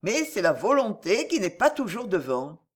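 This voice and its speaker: Woman, storybook narrator, expressive, measured, animated pitch. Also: slightly rough.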